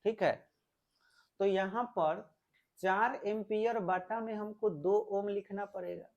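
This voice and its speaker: A male physics teacher, giving a classroom lecture, explaining step by step and asking the class questions. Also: sits high.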